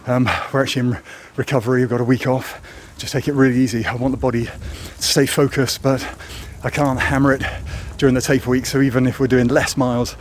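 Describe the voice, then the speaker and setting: A man's voice: medium pitch, flat delivery, a little fast, few pauses. A British man chatting casually to his running vlog. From Britain. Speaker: running vlogger. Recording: noisy outdoor recording with ambience, vehicles.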